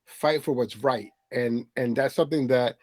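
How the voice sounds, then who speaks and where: With no echo in the recording, a podcast host speaks at normal speed in a medium-pitched voice. His questions come out hesitantly in a casual chat, riddled with fillers and false starts.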